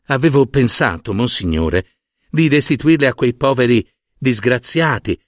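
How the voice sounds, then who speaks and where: A man's voice: mid-range voice, lively intonation, normal speed, no room sound, lightly acted. A man voicing a timid, inexperienced young cleric who speaks hesitantly and earnestly. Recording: dry close studio sound.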